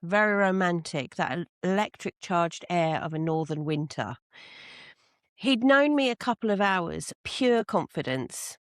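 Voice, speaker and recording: A woman voicing a posh woman in her sixties, reading a listener's letter in a measured way. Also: lowish voice, animated, no room sound, studio quality. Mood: reflective.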